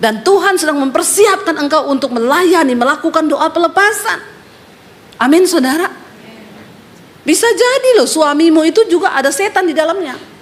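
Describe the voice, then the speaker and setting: A woman pastor delivers a sermon in a high voice. She tells stories with lively energy, voices the people in them, and addresses her listeners directly and sternly. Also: moderate pace. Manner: lively storytelling, acting out quoted voices; direct, scolding address to the congregation.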